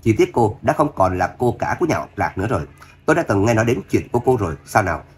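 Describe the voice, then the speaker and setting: Spiteful, sneering rich young woman, as a male narrator puts her on; husky, rapid delivery. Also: very animated. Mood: mocking. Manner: sneering, shrill when angry.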